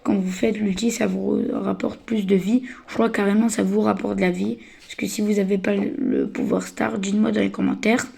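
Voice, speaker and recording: A woman who is a little sick and tired, giving casual game tips in a hesitant, stammering way with a slightly croaky voice. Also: mid-range voice, little pitch movement, normal speed, hardly any pauses, warm tone. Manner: hesitant, stammering, many fillers. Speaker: gaming channel host.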